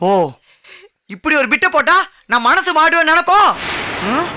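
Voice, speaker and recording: A man's voice: extremely high pitch, expressive, racing, bright, forceful tone, full character voice. An actor playing a scornful husband who taunts his pregnant wife, in a TV serial. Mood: sneering. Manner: sneering, taunting. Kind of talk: TV serial acting.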